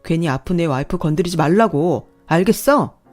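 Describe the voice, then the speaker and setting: A woman's voice: fairly low pitch, animated, normal speed, soft background music. A woman voicing a stern adult man who scolds his sister with a raised voice. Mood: stern, scolding.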